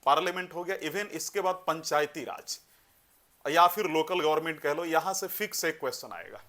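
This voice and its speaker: A man's voice: fairly high pitch, normal speed, bright, forceful tone. A man teaching an exam-prep lecture, directive and step by step, mixing English terms into his speech with frequent tag questions. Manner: instructive, mixes English terms into Hindi, frequent "है ना" and "you know".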